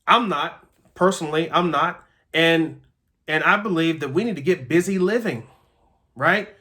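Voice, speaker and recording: A man's voice: high voice, bright, forceful tone. A man delivering an earnest motivational pep talk as a host, emphatic, repeating key phrases and checking in with listeners.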